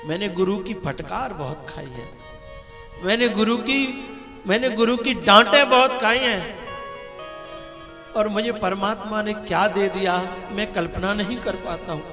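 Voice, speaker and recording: High-voiced preacher. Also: male voice, unhurried. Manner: emotional, exhorting, rhetorical questions. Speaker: religious preacher. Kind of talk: devotional sermon with storytelling and song. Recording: long hall reverb with music behind.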